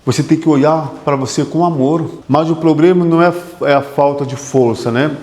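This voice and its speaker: Fairly high-pitched and darkish, the man speaks at normal speed in a steady tone. He's a psychotherapist addressing an audience in a reverberant hall, giving an emphatic motivational lecture full of repeated phrases and questions to the crowd.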